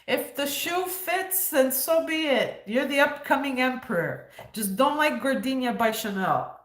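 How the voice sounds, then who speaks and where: A woman's voice: sits high, animated, unhurried, fairly bright tone, echoey room. A woman in her fifties hosting a casual livestream, joking and sarcastic, laughing often. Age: 50s. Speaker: livestream host.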